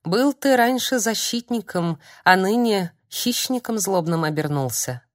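A woman's voice: medium pitch, expressive, measured pace, dry recording, clean studio sound, natural voice. A woman voicing a strange young village madwoman who murmurs tender, uncanny prophecies in a singsong way. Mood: eerie.

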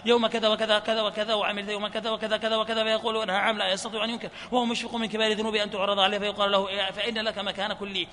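Fast high-voiced man reciting hadith. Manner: reads fast in a flat chant, laughs softly at times. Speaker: hadith reader. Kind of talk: rapid recitation of hadith chains. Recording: reverberant hall with faint noise.

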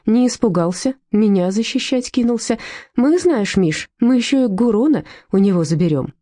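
A woman reading a storybook aloud, voicing a bold, sharp-tongued woman who stands up for her dog. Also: on the high side, lively intonation, moderate pace, no room sound, clean studio sound, pitched above the performer's own voice. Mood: warm teasing.

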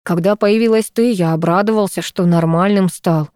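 A woman's voice: fairly low pitch, normal speed, a little mellow, clean tone, no echo, clean studio sound, lightly acted. A woman reading an audiobook, voicing a meek, guilty young man who mumbles his apologies.

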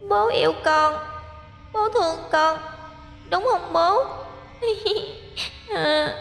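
A woman voicing a mutilated ghost baby who sobs and pleads in a high childlike voice. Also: extremely slow, creaky, fairly bright tone, roomy sound, long reverb tail, soft background music, full character voice. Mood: pleading. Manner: wailing, sobbing, high childlike voice. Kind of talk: horror audiobook reading.

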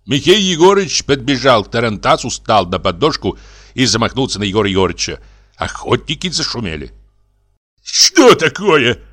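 Expressive male audiobook narrator; animated pitch, bright voice. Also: brisk. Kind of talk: audiobook story reading.

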